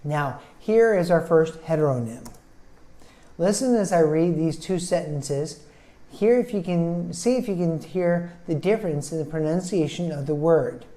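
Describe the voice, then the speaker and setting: A man teaching English pronunciation, speaking slowly and deliberately and sounding words out syllable by syllable. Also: fairly high pitch, mellow.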